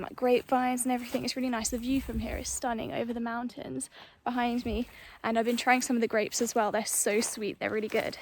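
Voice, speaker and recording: A woman's voice: a little high, a little hiss or hum. A young woman vlogging casually outdoors on hillside farmland, talking loosely to a handheld camera with fillers and laughs, a little out of breath from walking uphill. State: slightly out of breath. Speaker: travel vlogger.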